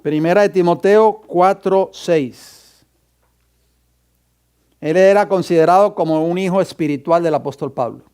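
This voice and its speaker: Male pastor in a church classroom, high clear voice, teaching and dictating verses to students. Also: a little slow, long pauses, darkish tone. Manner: quizzes the class and dictates scripture references. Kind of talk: Bible class lecture.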